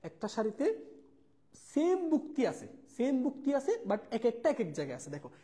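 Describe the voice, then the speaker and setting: A man's voice: very high voice, huge pitch swings, fairly quick, dark tone. A young man teaching a live online math class. He repeats key points, mixes in English words and calls his students brother. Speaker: math tutor.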